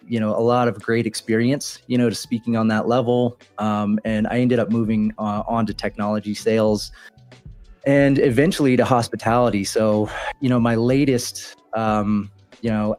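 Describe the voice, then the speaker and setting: A man's voice: on the low side, darkish tone. A man from Texas talking casually as an interview guest, easygoing and laughing often over a home mic on a video call. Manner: easygoing, many fillers and restarts, laughs often. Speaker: guest trader.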